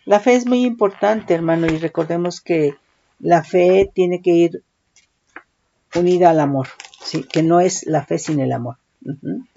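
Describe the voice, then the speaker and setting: A woman's voice: on the low side, a little slow, creaky, dark tone, a little hiss or hum. A woman preaching a sermon, often calling listeners "brother" and checking in with "right?". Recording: dull lo-fi recording.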